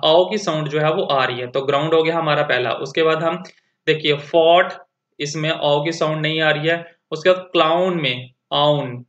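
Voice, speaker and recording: A male teacher walking students through a textbook lesson, reading English lines slowly and then explaining them in plain conversational terms. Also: a little high, a bit bright. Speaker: school teacher. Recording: echoey, dull lo-fi audio.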